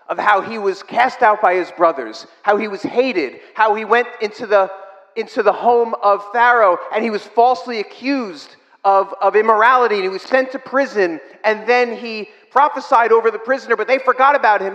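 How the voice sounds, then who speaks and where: High-voiced man preaching in a reverberant hall. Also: moderate pace, highs cut off. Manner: storytelling, rising to emphatic bursts, dropping to soft near-whispers. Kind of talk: sermon.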